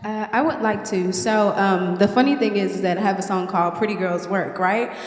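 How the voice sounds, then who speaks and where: A woman in her twenties speaking casually on a panel, chatty and quick to laugh, with many fillers. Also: medium pitch. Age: 20s. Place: large hall. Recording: echoey hall.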